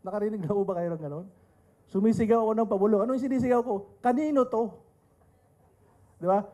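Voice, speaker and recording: Middle-aged Filipino man, panel speaker, high and soft-toned voice, joking lecture manner. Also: rapid-fire. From Philippines. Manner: joking asides and rhetorical questions. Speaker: tax lawyer speaking on a panel. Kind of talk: lecture to an audience, mixing Tagalog and English.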